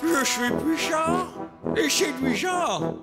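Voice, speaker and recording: A pompous, vain alien king in a cartoon, courting with grand theatrical flourishes. His gravelly voice crawls along slowly and swoops wildly up and down. Loud cartoon music plays beneath him. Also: very high-pitched, very animated, heavily acted. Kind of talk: cartoon voice acting.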